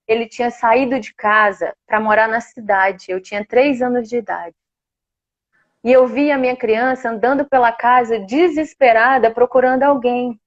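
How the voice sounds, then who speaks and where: Brazilian woman telling a personal story, emotional n heartfelt, kinda high voice, muffled stream sound. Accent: Brazilian Portuguese. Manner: heartfelt, emotional, laughs now and then. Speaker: guest sharing a personal experience.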